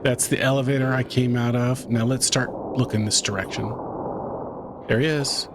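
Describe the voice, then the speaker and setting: Over a noisy background, a man delivers tense let's-play commentary on a horror game as a gaming YouTuber. His mid-range voice has fairly even intonation and a moderate pace, and he talks quietly to himself and the viewer.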